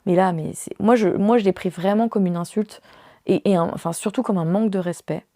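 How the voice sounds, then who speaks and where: A woman's voice: mid-range voice, fairly quick, mellow, no room sound, clean studio sound. A French woman hosting a podcast, candidly telling a personal story in a chatty way, full of fillers. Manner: candid, conversational, many fillers. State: unwell. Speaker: podcast host.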